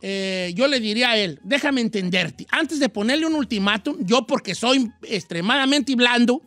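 A man's voice: very high voice, animated, normal speed, a bit bright, dry recording. A middle-aged man with a Mexican Spanish accent, hosting a casual radio advice chat in a slangy, rambling, self-mocking way. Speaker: radio host.

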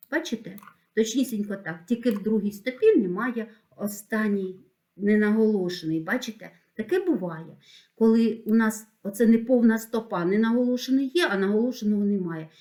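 A female teacher explaining a school lesson, slowly spelling words out syllable by syllable. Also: fairly high pitch, animated, mellow. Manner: slow, deliberate syllable-by-syllable dictation.

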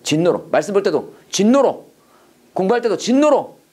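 A middle-aged man teaches a Bible and English class at a moderate pace, his high-pitched voice very animated, a little mellow, and slightly rough. He lectures emphatically in a preachy style and drills phrases for call-and-response repetition.

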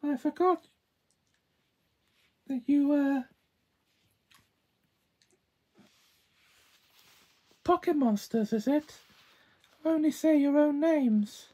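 A man voicing a polite, chatty young girl rag doll in an amateur puppet show, with quaint, deliberate phrasing. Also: very high voice, dark tone, poor audio. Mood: curious, polite.

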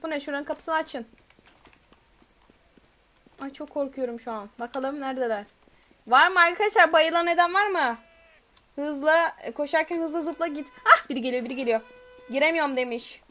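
A woman's voice: high voice, moderate pace, long pauses, pushed and bright. A woman streaming a game live, chatting with viewers, reading their messages aloud and shrieking when chased. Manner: reads chat messages aloud. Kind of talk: live gameplay commentary.

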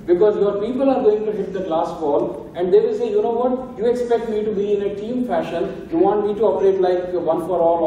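A man's voice: high-pitched, warm tone, slight background noise. A man giving a conversational conference keynote, often ending points with "right?". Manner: conversational, emphatic, frequent "right?" tags. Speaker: keynote speaker. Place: large conference hall. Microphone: handheld mic, recorded from far camera. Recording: echoey hall, distant and muffled.

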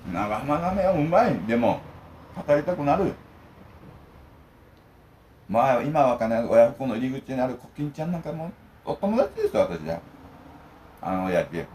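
A man's voice: medium pitch, big pitch swings, moderate pace, long pauses, a little mellow, a little hiss or hum. Rambling, jokey middle-aged man from Okinawa. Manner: jokey, wandering storyteller. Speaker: food vlog host. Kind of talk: casual rambling chat while eating.

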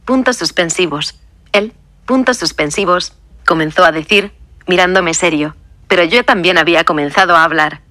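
A woman's voice: fairly low pitch, moderate pace, sharp tone, dry recording. Woman narrating a first-person audiobook. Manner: reads punctuation aloud.

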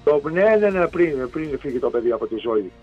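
A man, a bereaved father giving a TV news interview, retelling events haltingly and repetitively and insisting hard on his point. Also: mid-range voice, very animated, breathy edge, soft background music. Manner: insistent, emphatic denials. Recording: dull lo-fi TV audio.

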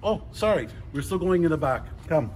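A man's voice: a little high, animated, a little mellow. Chatty man touring an echoey warehouse. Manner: chatty and playful, lists items in quick repeats. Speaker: auctioneer giving a warehouse tour. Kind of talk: casual walking tour, talking to camera. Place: large warehouse indoors. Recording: roomy warehouse echo, faint background noise.

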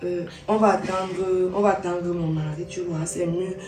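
A woman playing a stepmother in a comedy web series, scolding in a formal, measured way. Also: lowish voice, steady tone, a little mellow, echoey room, far from the mic, faint music behind.

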